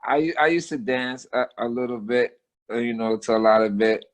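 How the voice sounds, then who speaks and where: A street artist appears as a guest, chatting casually at normal speed in a mid-range male voice with an American accent. He tells stories and philosophizes in emphatic, slangy phrases that he tends to repeat.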